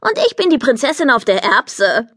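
Storybook girl, stubborn and hot-tempered, high voice, woman reading it. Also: sing-song, normal speed, fairly bright tone, no room sound, clean studio sound. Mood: indignant. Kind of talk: children's audiobook reading.

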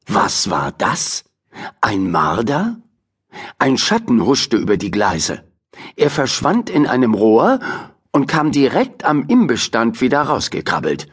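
A man narrating a children's audiobook with expressive, playful storytelling. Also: medium pitch, slow, breathy edge.

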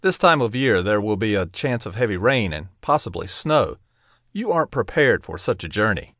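A man voicing a serious, cautious older brother who speaks in a low, measured way. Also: sing-song, a bit bright, no echo, clean studio sound, exaggerated voice.

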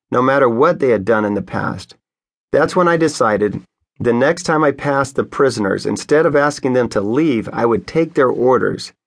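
Man earnestly reading his own memoir. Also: mid-range voice. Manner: earnest, conversational storytelling. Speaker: pastor. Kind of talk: memoir audiobook narration read by the author.

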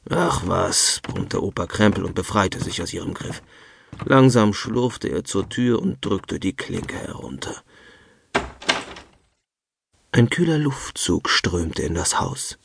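A man narrating a children's audiobook in a lively, expressive storytelling manner, close to a studio mic. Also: sits low, measured pace, creaky, background noise.

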